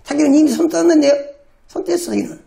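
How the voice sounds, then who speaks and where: Pastor, healing sermon, emphatic, high-pitched, heavy vocal fry. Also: lively intonation, quick pace. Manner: emphatic, acts out quoted commands with shouting.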